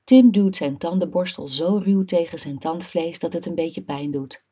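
A woman reading a children's story aloud as narrator, soft and even. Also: on the low side, normal speed, slightly rough.

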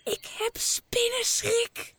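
A woman's voice: extremely high pitch, level tone, very slow, creaky, a bit bright, a little hiss or hum, voice pushed up, exaggerated voice. A woman voicing a frightened little boy who whispers and whines. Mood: scared whisper. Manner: frightened whisper, then whiny. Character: scared little boy Teun.

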